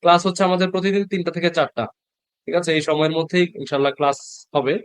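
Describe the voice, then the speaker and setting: A man's voice: a little high, very fast, smooth, dry recording. A man teaching Quran reading in an online class, patiently sounding out each Arabic letter and repeating it for learners. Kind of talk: online class lecture over video call. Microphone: video call.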